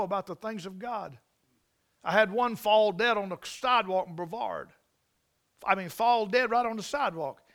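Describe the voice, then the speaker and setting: High-voiced fervent preacher. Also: male voice. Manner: swings from hushed to loud and fervent. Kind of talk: sermon storytelling.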